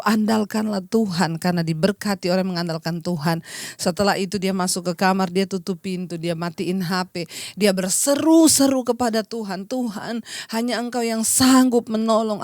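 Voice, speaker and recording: A woman's voice: medium pitch, no room sound, clean studio sound. A woman pastor giving an online Sunday sermon, fervently exhorting her listeners and telling personal testimony with emotional emphasis. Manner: fervent, exhorting, repeatedly addresses listeners directly.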